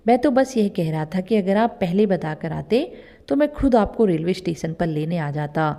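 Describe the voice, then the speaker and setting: A woman's voice: on the low side, lively intonation, moderate pace, warm tone. A woman voicing a busy, brusque grown son in a spoken storybook tale. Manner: brusque, defensive.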